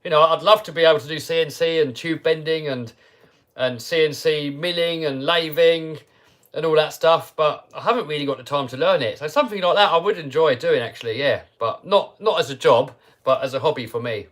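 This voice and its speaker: A man's voice: a little high, fairly quick, fairly bright tone. A man hosting a casual livestream, chatting easily, laughing often and reading out viewers' questions. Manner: chatty and easygoing, laughs often, reads chat questions aloud. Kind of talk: casual live chat.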